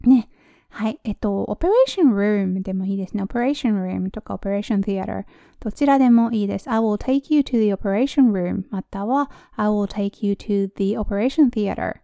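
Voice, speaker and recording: Gentle woman teaching slow, careful English. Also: a little high, no room sound, studio quality. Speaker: operating room nurse teaching English. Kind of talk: language lesson with pronunciation drills.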